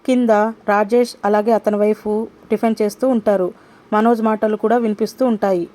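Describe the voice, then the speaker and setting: A woman narrating a recap of a family drama in steady, scripted storytelling. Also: mid-range voice, a little fast.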